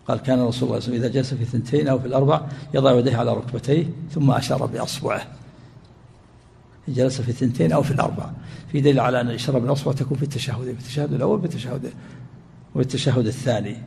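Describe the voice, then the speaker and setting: A man's voice: mid-range voice, gravelly, dark tone, long reverb tail, slight background noise. A man explaining a hadith in a classical religious lesson, repeating word forms as he teaches. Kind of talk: classical Islamic lesson commentary.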